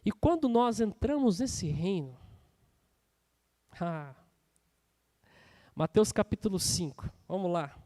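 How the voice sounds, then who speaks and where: A Brazilian man in his thirties, a pastor preaching a sermon, swinging between loud bursts and hushed asides. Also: high voice, sing-song, takes it slowly, long pauses. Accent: Brazilian Portuguese.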